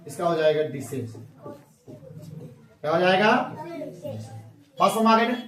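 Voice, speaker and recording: An English teacher gives a classroom lesson, drilling pupils with repeated call-and-response questions, calling them children and scolding their chatter. Her mid-range voice is animated and a little slow. The mic is distant in a roomy classroom, with faint traffic audible outside.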